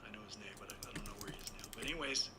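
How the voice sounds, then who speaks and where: Talking rapid-fire in a fairly low voice, with heavy noise behind him, a Taiwan-born man in his sixties tells a long, meandering personal story in an interview. He corrects himself frequently as he goes.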